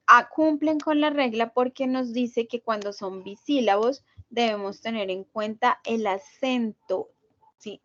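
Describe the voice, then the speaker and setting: A woman leads an online English class, walking her students patiently through each rule and checking that they follow. Her voice sits a little high. The video call audio is dull and lo-fi. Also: a bit bright. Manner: patient, explains step by step, checks in with "¿listo?". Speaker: English teacher.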